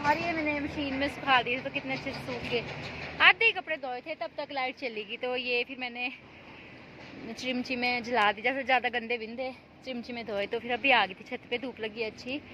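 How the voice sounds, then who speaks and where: Woman vlogger, chatty and rambling, light high voice, phone mic with faint street noise. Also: pushed and bright. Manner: chatty, talks to viewers about chores. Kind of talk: casual vlog narration. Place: home rooftop and house.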